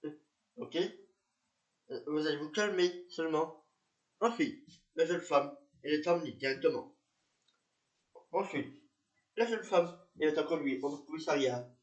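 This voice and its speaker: The fairly high-voiced man narrating this amateur police reenactment, and playing the officer, keeps a measured pace with long pauses. He's hesitant, repeating himself and filling gaps with fillers. The echoey room comes through as dull audio.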